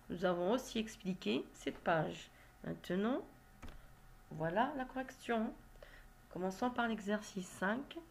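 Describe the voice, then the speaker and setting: A woman teacher walks young pupils through reading exercises, stretching out each word and syllable so they can follow. She speaks at a slow, measured pace in a mid-pitched voice, with the patient, deliberate delivery of a classroom lesson. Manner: slow, careful, spells out syllables. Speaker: primary school teacher.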